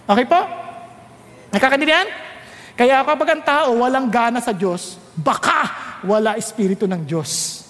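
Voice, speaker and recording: A man with a Filipino accent preaching a sermon, quizzing his congregation, reading scripture slowly and low, then rising loud when he urges them on. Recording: long echo of a large hall.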